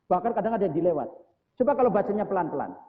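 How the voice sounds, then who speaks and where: A man's voice: high voice, very animated, very fast. Preacher, man, mosque sermon; chants prayer lines then explains them; thin phone-like sound. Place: mosque hall. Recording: echoey mosque hall over tinny phone-like sound.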